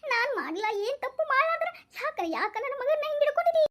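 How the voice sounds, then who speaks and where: A woman doing a scared old village granny, super high squeaky voice, begs and stammers, swoops all over. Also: sing-song, fast, a bit bright, exaggerated voice. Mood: pleading. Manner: pleading, stammering, tearful.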